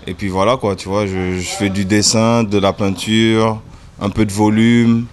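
A music video director in his thirties, originally from the French Caribbean, chats easily in a casual interview with a fairly low, unhurried voice. He hesitates a lot, filling gaps with fillers and a constant "tu vois". He's in an indoor room, speaking into a desk mic in front of him.

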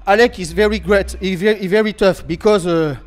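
A young adult MMA fighter from France, interviewed after a bout, speaks halting, broken English in a high voice with a French accent, repeating words as he searches for them. He talks into a handheld interview mic held close, in an interview area with an indoor event backdrop.

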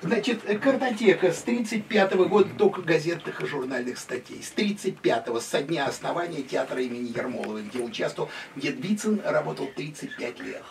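An older man with a gravelly, somewhat high voice talks through a casual tour of his own small museum, moving from picture to picture. He is recorded from a little way off on a handheld camera, with faint room noise behind him. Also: distant mic. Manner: lively, chatty, gesturing at photos. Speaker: private museum owner and guide. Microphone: handheld camera following him.

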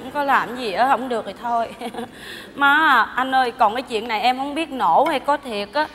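An actress playing a young wife who chatters, teases and flatters her husband in a stage comedy. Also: fairly high pitch, moderate pace, close to an everyday voice. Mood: coaxing. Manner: chatty, exaggerated, sweet-talking. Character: young wife Mai, fawning and teasing. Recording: reverberant stage hall with clear noise.

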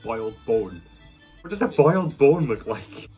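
A man's voice: mid-range voice, big pitch swings, measured pace, warm tone, soft background music. A man with a sassy, campy drag queen delivery, giving casual reaction commentary as host. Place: indoor studio setup against a backdrop.

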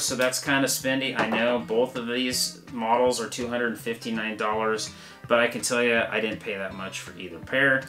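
A man's voice: mid-range voice, fairly bright tone, echoey room. A man hosting a fishing channel, explaining gear in a plain, practical, step-by-step way. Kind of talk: gear review talk to camera.

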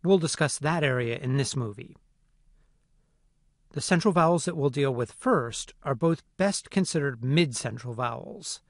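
A man narrating a phonetics lesson in a clear, methodical way. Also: medium pitch, animated, unhurried, no room sound, studio quality. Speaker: phonetics instructor. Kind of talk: scripted lecture narration.

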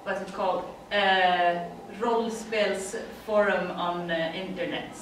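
In a dim conference room, a middle-aged Swedish woman talks through a presentation in English, chatty, often laughing and leaning on fillers. Her fairly low voice stays fairly even, and she takes it slowly. A distant room mic picks her up with echo and a little hiss or hum.

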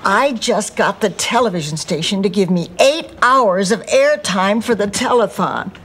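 A woman's voice: mid-range voice, animated, moderate pace, breathy edge. An older actress playing a sweet, naive woman who talks in a chirpy, earnest way. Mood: eager. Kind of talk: studio sitcom acting. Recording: loud background noise on 1990s sitcom audio.

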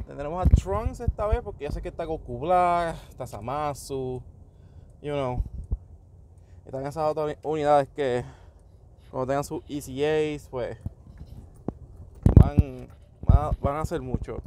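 A man's voice: on the high side, measured pace, long pauses, very noisy. A man giving casual commentary on game summons, switching between Spanish and English and reacting to each pull. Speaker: gaming YouTuber.

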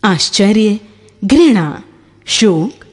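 A woman narrating a scripted grammar lesson, reading example sentences slowly and deliberately. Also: mid-range voice, big pitch swings, husky. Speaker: teacher narrator.

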